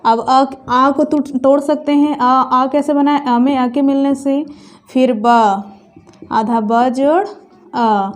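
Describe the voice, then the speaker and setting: A woman teacher explaining step by step, asking questions and answering them herself, and slowing down to sound things out carefully. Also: high voice, fairly even intonation, soft background music. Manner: slows to drawn-out, careful pronunciation of sounds. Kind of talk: classroom lesson.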